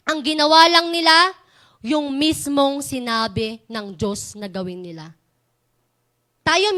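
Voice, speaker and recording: A young woman giving a lively youth sermon, asking the crowd questions and laughing often. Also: very high voice. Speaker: youth preacher.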